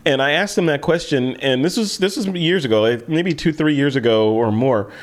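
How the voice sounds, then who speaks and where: Chatty podcast host, fairly high voice. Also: male voice, moderate pace. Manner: chatty, laughs at himself, loose and rambling. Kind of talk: casual interview chat.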